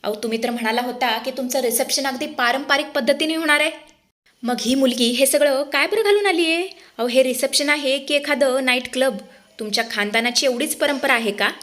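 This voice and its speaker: A woman's voice: high-pitched, brisk, fairly bright tone. A woman doing a scornful businessman guest. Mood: indignant. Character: indignant male business guest.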